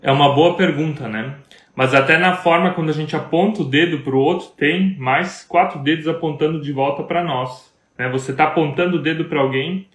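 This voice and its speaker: With a Brazilian Portuguese accent and a somewhat high voice for a man, this earnest co-host of a marriage talk speaks like a preacher, asking question upon question. A roomy echo fills the recording.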